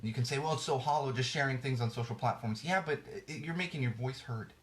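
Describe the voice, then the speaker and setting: Here a male podcaster with a mid-range voice talks fast, delivering blunt political commentary as a rant. He keeps restarting his sentences, and his voice wears a little as he loses it over current events.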